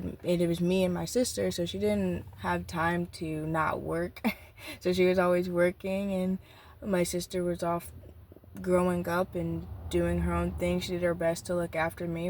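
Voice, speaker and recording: A nineteen-year-old woman talks through her thoughts like a spoken journal, slightly low in pitch for her age. She rambles and stops to restart her sentences. Faint street noise hums behind her voice. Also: warm tone. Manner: rambling, reflective, halting with many restarts. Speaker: vlogger. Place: outdoors next to a busy street.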